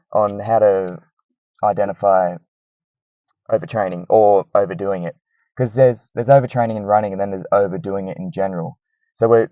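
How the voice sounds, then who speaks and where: A man's voice: on the low side, warm tone, no echo. A man giving casual coaching advice to listeners, informal and thinking aloud, recorded on a cheap microphone. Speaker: running coach hosting a talk. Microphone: cheap microphone, close and dry. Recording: dull, lo-fi cheap microphone sound.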